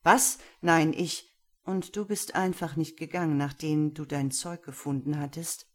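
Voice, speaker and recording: A woman's voice: low voice, fairly even intonation, measured pace. A woman doing a flustered, snappy young man. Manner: defensive, snapping, stammering. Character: tense flustered young man, quick-tempered.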